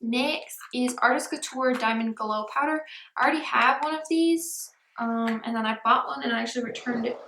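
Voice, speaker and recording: Woman, high voice, gravelly fry, chatty unboxing, echoey room without a proper mic. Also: moderate pace, noisy background. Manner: chatty, often drops to a soft near-whisper. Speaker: beauty vlogger. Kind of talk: casual unboxing chat.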